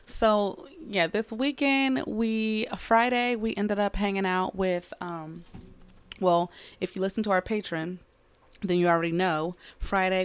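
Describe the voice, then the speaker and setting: A woman's voice: fairly low pitch, clear, resonant tone, dry recording. A woman co-hosting a podcast at home, telling a rambling story in casual chat. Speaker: podcast co-host.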